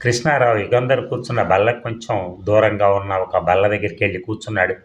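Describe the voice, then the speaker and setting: A man reading a novel aloud as an audiobook narrator, in a measured, plain storytelling manner. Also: lowish voice, fairly even intonation. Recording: dull, echoey room.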